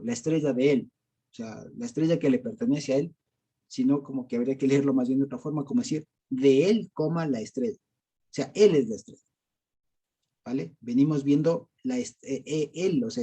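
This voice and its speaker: A brisk, medium-pitched, mellow voice with a breathy edge belongs to an Ecuadorian-accented man teaching a Bible study. He talks casually, laughs a lot, uses frequent fillers and keeps testing his audience with rhetorical questions.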